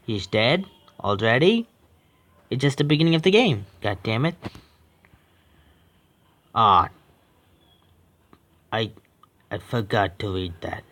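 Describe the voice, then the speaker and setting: A young man of medium pitch reads a horror visual novel aloud, fumbling his lines and quickly apologizing and reacting as he corrects himself.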